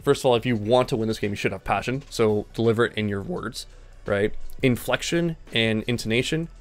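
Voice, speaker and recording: A man's voice: medium pitch, a little fast, soft background music. A man coaching a player, giving direct instructions and repeating key points. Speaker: gaming coach. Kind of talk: coaching session with game review.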